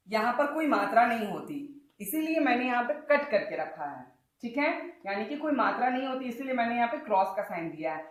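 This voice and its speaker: A woman teaching children, sounding out words slowly and syllable by syllable. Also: fairly high pitch, roomy sound, rough recording. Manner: drawn-out, syllable-by-syllable word demonstrations. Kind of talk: Hindi lesson for children.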